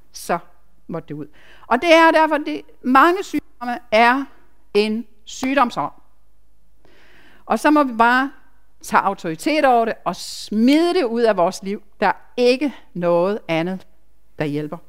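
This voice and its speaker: A woman's voice: a little high, clear, resonant tone. A woman, a nurse, giving a chatty, emphatic personal testimony to a congregation, with asides to the listeners.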